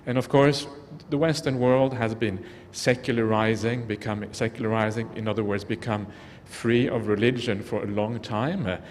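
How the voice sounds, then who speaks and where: A man's voice: lowish voice, steady tone, moderate pace. A Norwegian-born man, a Buddhist monk, giving an earnest, reflective dharma talk to an audience in a large hall. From Norway. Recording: long hall reverb, faint background noise.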